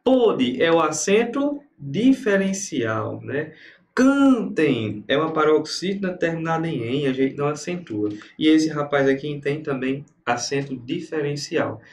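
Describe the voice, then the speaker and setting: A man's voice: fairly high pitch, moderate pace, reverberant. A Brazilian man teaching grammar for exam prep, who keeps answering his own students' questions. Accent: Brazilian Portuguese. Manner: lively, talks to himself as the student.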